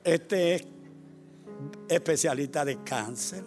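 An older man, a retired pastor preaching a sermon, repeating his phrases and swinging between quiet storytelling and loud exhortation. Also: a little high, takes it slowly, faint music behind. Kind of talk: sermon with personal stories.

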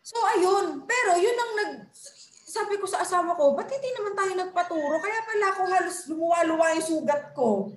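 Young woman, high voice, emotional storyteller, echoey room. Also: expressive, fairly quick. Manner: emotional storytelling, acts out quoted nurses, laughs often. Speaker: podcast guest. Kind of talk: casual chat.

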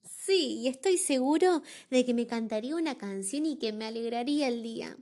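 A woman's voice: fairly high pitch, animated, normal speed, mellow, lightly acted. An Argentine woman voicing a tiny, lonely young male bird in a storybook reading, in a pleading, childlike way. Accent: Argentine Spanish. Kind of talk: storybook read-aloud.

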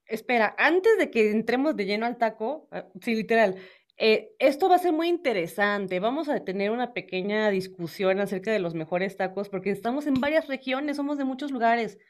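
A woman's voice: fairly high pitch, normal speed. A woman from northern Mexico with a northern Mexican accent, hosting a casual food podcast in a bubbly, chatty way with many fillers. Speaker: podcast host.

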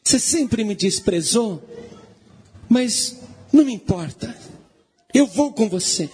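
A man's voice: sits high, lively intonation, takes it slowly, darkish tone, slightly rough, voice pushed up, exaggerated voice. Frail devoted wife, voiced by a man. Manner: tender, earnest. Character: frail loyal first wife, devoted woman.

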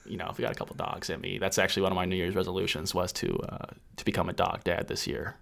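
A man's voice: low-pitched, level tone, fast talker, gravelly, fairly bright tone. A young man guesting on a casual podcast, sarcastic and easygoing, joking around as he talks.

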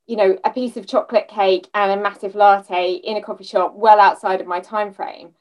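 A woman's voice: mid-range voice, a little mellow. Woman host, a bit distant from the mic. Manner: thoughtful, asks long reflective questions. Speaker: podcast host. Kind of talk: conversational interview.

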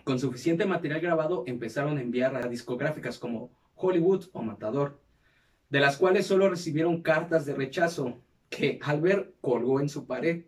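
A man's voice: fairly high pitch, normal speed, a little mellow, far from the mic. A man with a Mexican accent, hosting a casual podcast and telling a band's history, with heavy slang and crude banter. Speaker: podcast host. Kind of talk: casual chat, reading history.

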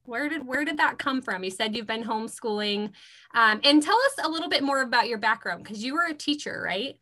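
A woman in her thirties hosts a podcast interview with eager enthusiasm. Her voice sits a bit high and sounds bright and crisp. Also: lively intonation, a little fast. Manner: enthusiastic, warm questioning. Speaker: podcast host. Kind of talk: casual interview chat.

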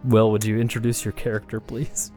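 A man's voice: lowish voice, level tone, fairly quick, warm tone. A man narrating a tabletop role-playing game as the game master. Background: faint music.

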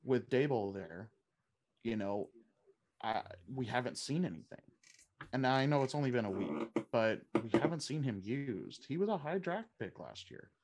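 A man's voice: medium pitch, sing-song, moderate pace, darkish tone. A man co-hosting a fantasy football podcast in casual chat, thinking aloud and often restarting his sentences.

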